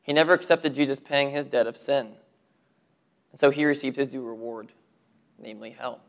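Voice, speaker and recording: Gravelly guy preaching, earnest pastor, goes quiet and low on the big points. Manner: earnest preaching with rhetorical questions, dropping low for emphasis. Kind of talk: sermon.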